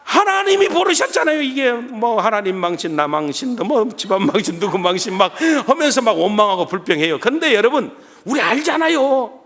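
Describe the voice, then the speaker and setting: A man's voice: high voice, moderate pace. A middle-aged man preaching at a revival meeting, telling a story and acting out his own prayers for the congregation. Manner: animated, acts out his own prayers and shouts; addresses the congregation often. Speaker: guest pastor at a revival meeting. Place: church sanctuary. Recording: long church reverb.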